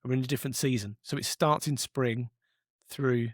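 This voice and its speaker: A man's voice: medium pitch, fairly even intonation, normal speed, no echo, studio quality. A man co-hosting a podcast in casual chat, enthusiastic and often repeating words as he goes. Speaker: podcast co-host.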